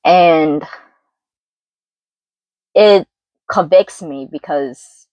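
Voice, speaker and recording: A young woman from New York talking candidly into her vlog, earnest and reflective, pausing and correcting herself. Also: low-pitched, no echo, lo-fi sound. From New York City, Brooklyn. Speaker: vlogger. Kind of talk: candid personal vlog monologue.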